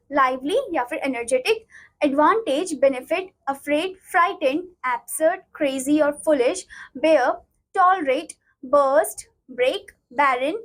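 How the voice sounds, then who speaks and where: A woman teacher reading word lists to students, speaking slowly and explaining quickly in Hindi. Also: high-pitched, low-quality recording. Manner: slow deliberate English, quick Hindi explanations.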